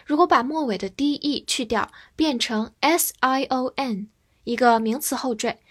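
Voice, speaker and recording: A young woman teaching English vocabulary, spelling each word out letter by letter and reading example sentences slowly. Her first language is Chinese. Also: a little high. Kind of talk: vocabulary lesson, spelling and slow model reading.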